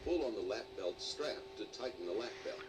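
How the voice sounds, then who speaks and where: A man reading a pre-recorded cabin safety announcement in a formal, measured way, played back in a flight simulator. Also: on the low side, expressive, over music. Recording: distant, noisy game audio.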